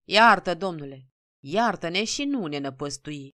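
A woman's voice: medium pitch, sing-song, a bit bright, clean tone, dry recording, clean studio sound. A woman voicing a humble, pleading old peasant man in a storybook reading. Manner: pleading, meek.

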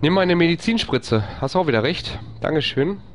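A man's voice: lively intonation, brisk. Guy streaming a horror game, chatty with chat, freaks out and swears, bit of background noise. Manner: panicked swearing, screaming in high pitch; whispers while sneaking. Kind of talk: live let's play commentary.

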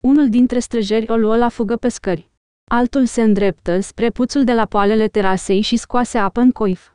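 A woman narrates an audiobook in an even, storytelling way. Her voice is smooth and mellow, a touch high, recorded dry and close with no room sound. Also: no echo. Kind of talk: scripted narration.

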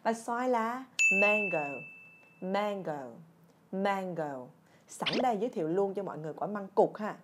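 A young woman teaching fruit names in a lively video lesson, drilling words by repetition and revealing each with a playful cry. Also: medium pitch, fast talker, few pauses, very noisy. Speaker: English teacher, channel founder.

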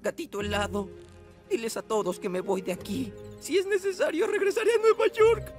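High-voiced hurt young turtle ninja storming off. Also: male voice, brisk, over music. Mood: hurt, defiant. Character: young male turtle ninja, playful, sensitive, easily hurt. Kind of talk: animated cartoon dub acting.

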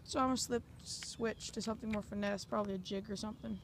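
A woman's voice: medium pitch, fairly even intonation, fast, slight background noise. A woman filming a casual fishing vlog on a handheld phone outdoors by a pond, rambling to her viewers as she goes. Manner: rambling, chatty, talks to viewers as "guys". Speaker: fishing vlogger.

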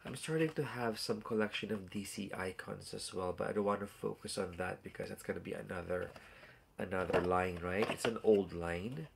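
A deep-voiced man in his forties with nasal congestion hosts a casual live unboxing of his toy collection, speaking at a moderate pace with vocal fry and rambling through fillers and asides to viewers. His phone or webcam sits at arm's length in a small room at home, and the background is noisy.

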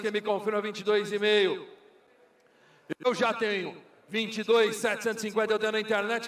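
A man's voice: high voice, fairly bright tone. A Brazilian man working as a car auctioneer, calling bids in a repetitive, formulaic chant. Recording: echoey hall, far from microphone.

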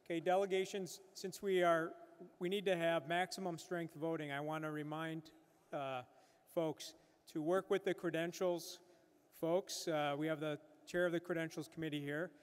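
A middle-aged man runs a convention floor vote from a podium microphone, procedural and businesslike. His voice is slightly high. The big hall adds a long, trailing reverb. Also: level tone, moderate pace, smooth. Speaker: convention chair. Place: large convention hall stage.

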